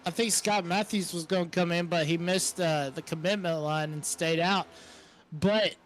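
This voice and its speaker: Male color commentator, high voice, easygoing and filler-heavy, faint noise behind. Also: steady tone, normal speed. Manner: casual, chuckling, filler-heavy. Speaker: sim racing color commentator. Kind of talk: live race commentary.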